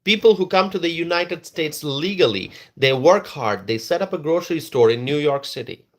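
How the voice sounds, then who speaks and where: At normal speed and with a fairly high, animated voice, a political commentator whose native language is Bengali holds forth on politics, stressing points by repeating words.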